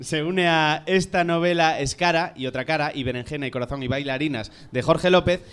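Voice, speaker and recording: A man's voice: fairly high pitch, fairly quick, fairly bright tone, clear, resonant tone. A man hosting a comedic news show, punning and laughing between segments. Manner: jokey, punning, laughs often. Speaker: host.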